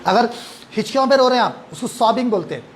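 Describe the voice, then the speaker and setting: A man's voice: very high-pitched, lively intonation, quick pace, slight background noise. Man teaching English verb forms. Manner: drills students with repeat-after-me, mixes English and Hindi-Urdu. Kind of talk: online verb-forms class.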